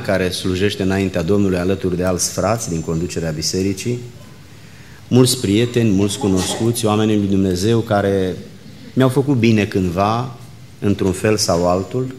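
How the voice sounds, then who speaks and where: Solemn low-voiced male pastor. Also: a little mellow, a little hiss or hum. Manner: measured, solemn reading that slows into fervent prayer. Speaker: visiting pastor. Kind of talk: scripture reading, prayer and church greeting. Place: church sanctuary. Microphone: microphone.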